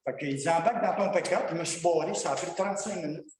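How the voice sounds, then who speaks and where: A fed-up man with a Québécois French accent tells his grievances at a town council meeting in a rambling, colloquial way. His voice sits a little high and comes from well away from the mic. It echoes around a large hall with a long reverb, and steady noise is audible underneath. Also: fast talker, distant mic. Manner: rambling, frustrated, colloquial storytelling. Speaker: citizen at council question period. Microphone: far from the microphone.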